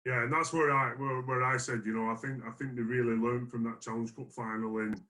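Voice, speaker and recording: A man's voice: medium pitch, steady tone, a little fast, sharp tone. A man speaking earnestly as a player in a casual sports discussion, repeating phrases for emphasis. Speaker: rugby league player guest.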